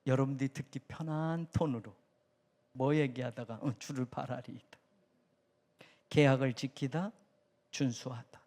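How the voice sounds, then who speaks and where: A man preaching a sermon as pastor, animated and at times loud and emphatic. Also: moderate pace, big-room sound. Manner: talks about his own high excited tone.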